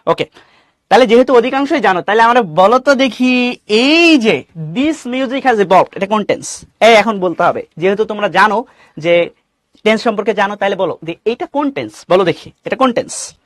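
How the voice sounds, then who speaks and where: High-voiced Bangladeshi teacher, dry sound. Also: male voice, animated, a little fast, dry recording. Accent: Bangladeshi Bengali. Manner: asks questions and reads out student names; mixes English phrases into Bengali teaching. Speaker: English teacher. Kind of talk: online class lecture.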